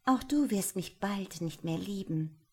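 A woman voicing a haughty young noblewoman in an audiobook, speaking softly and languidly, half in a whisper. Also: mid-range voice, animated, measured pace, slightly rough, pitched above the performer's own voice. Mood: cool, menacing. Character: cold, aloof young noblewoman, haughty mistress. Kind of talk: audiobook character voice.

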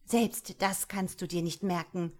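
A woman voicing a domineering, scornful female boss who scolds sharply and loudly. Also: mid-range voice, animated, unhurried, husky. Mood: scolding. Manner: sharp scolding, loud commanding.

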